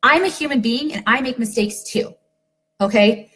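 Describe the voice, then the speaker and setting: A woman's voice: on the high side, moderate pace. A woman leading a network marketing team, telling a garden story in a casual live-video talk, filling her speech with "like" and "okay?". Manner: chatty, lots of "like" and "okay?", animated storytelling.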